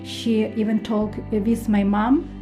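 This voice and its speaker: A woman from Ukraine with a Ukrainian accent, a guest healer answering radio interview questions in halting non-native English with many pauses and ums. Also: medium pitch, level tone, over music. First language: not English.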